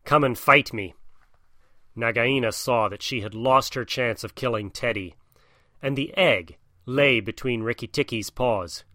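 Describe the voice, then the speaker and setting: A man narrating a storybook in an expressive, animated way. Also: mid-range voice, unhurried, dry recording, clean studio sound. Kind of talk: storybook reading.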